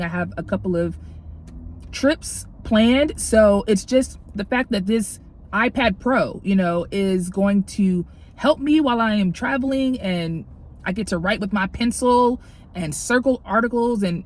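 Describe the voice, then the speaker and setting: A young woman doctoral student chatting in a casual vlog, excited and grateful, laughing often and sometimes whispering in a library study room. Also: mid-range voice. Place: walking outdoors, then a library study room.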